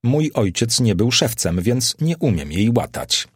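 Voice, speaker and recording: A man's voice: mid-range voice, sing-song, unhurried, slightly rough, dry recording, clean studio sound, voice pushed up, exaggerated voice. A man reading the part of a bitter, cowardly old Greek man who snaps back with spiteful retorts.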